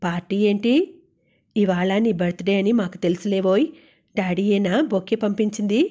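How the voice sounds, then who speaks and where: Woman reading as playful young roommate, teasing, mellow even voice. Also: mid-range voice, moderate pace, close to an everyday voice. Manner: teasing, fussing.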